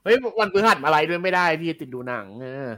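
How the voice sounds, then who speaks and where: Thai man, fairly high and fast, playful side voice on a stream. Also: animated, fairly bright tone. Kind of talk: casual livestream banter.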